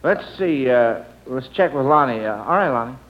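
A man hosts an old-time radio quiz for children, chuckling and patiently nudging the contestants along. His mid-range voice is animated at a moderate pace, heard through a dull, noisy old radio recording.

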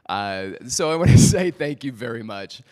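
This podcast host is recording live at a conference, joking around informally with the crowd through a microphone. He has a medium-pitched, animated voice, a little mellow, delivered at a moderate pace.

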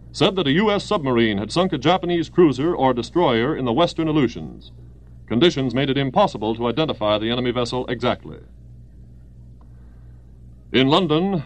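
An American man reading formal, declamatory wartime news bulletins as a 1940s radio newscaster, in an old newsreel manner. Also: mid-range voice.

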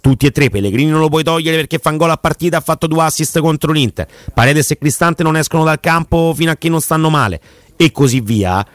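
A man's voice: a little high, fast, no room sound, studio quality. A man hosting a casual football chat, analytical and hesitant, with many fillers.

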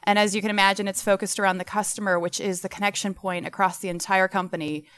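A woman's voice: medium pitch, flat delivery, quick pace, fairly bright tone, smooth. A woman guest in an interview, talking with enthusiasm in long, loose explanations with plenty of fillers. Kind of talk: podcast interview answers.

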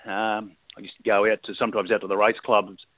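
Fast-talking Australian man on a phone line. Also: on the low side, flat delivery, no room sound. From New South Wales, Australia. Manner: laid-back rambling storyteller, many fillers. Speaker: race caller, guest. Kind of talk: casual interview. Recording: tinny phone line, dry.

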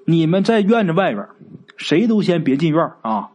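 A man voicing a young male avenger who speaks with calm, unhurried menace. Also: a little high. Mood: cold.

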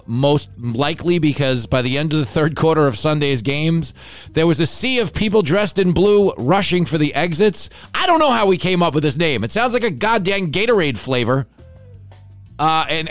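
A middle-aged man hosting a podcast, delivering a casual comedic monologue as an animated, sardonic rant. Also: on the high side, no room sound. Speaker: podcast host.

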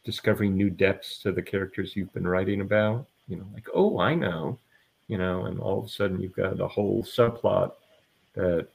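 A man's voice: low-pitched, fairly even intonation, moderate pace, gravelly, a little mellow, husky. A man, an author guest on a podcast, talking reflectively with hesitant restarts. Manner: hesitant, reflective, many fillers. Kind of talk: casual interview chat.

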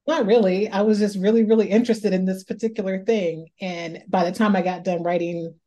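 Her mid-range voice has a dark tone and fairly even intonation, and she talks a little fast. She's an author from Northeast Ohio reflecting on her writing life in an interview, frequently repeating words as she thinks aloud.

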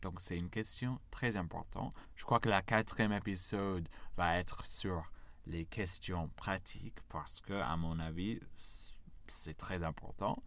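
A man's voice: low voice, a little slow, a bit bright, no echo. An American man with an American accent, patiently giving a language lesson and drilling letters for learners to repeat. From United States. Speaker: English teacher.

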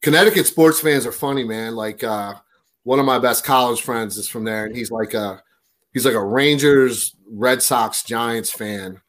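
A man's voice: medium pitch, normal speed, a bit bright. Male podcast co-host, forties, rambling casual storyteller. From Maryland, USA. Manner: rambling, filler-heavy storytelling. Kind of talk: casual chat.

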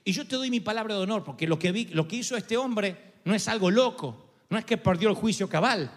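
A man, a pastor with an Argentine accent, preaching a sermon and acting out quoted dialogue, moving between low intimate asides and loud peaks. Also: animated, fairly quick. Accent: Argentine Spanish. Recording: long hall reverb.

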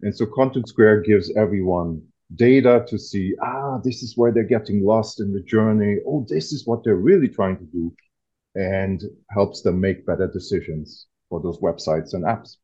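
Mellow husky man, dull audio. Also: lowish voice, normal speed. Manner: explanatory, enthusiastic. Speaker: guest author. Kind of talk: casual interview talk.

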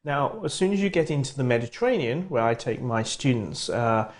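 Middle-aged man, professor type, lectures in quick bursts, voice of middling pitch. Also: animated. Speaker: geography professor, interview guest. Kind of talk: conversational expert explanation.

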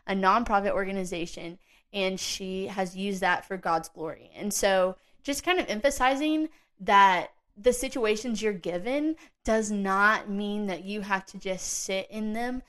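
A woman's voice: mid-range voice, fairly bright tone, clear, resonant tone. A young woman, talking casually and earnestly as host of a solo faith podcast. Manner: chatty and earnest, with frequent fillers and asides.

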